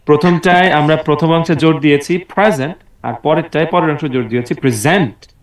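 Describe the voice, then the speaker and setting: A man's voice: on the high side, steady tone, fast talker. A man teaching an online English class over a video call, patient and encouraging as he drills words aloud. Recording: roomy, distant video call audio.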